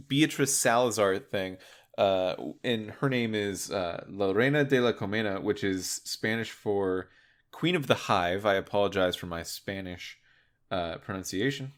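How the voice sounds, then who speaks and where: Guy on a podcast, lowish voice, rambly casual explaining with lots of stops and starts. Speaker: podcast co-host. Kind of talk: casual game discussion.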